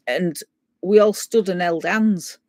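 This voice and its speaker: A woman tells a ghost story in a casual way, often clearing her throat and acting out the voices of the people she quotes. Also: fairly low pitch, slow, darkish tone, no room sound. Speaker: guest storyteller.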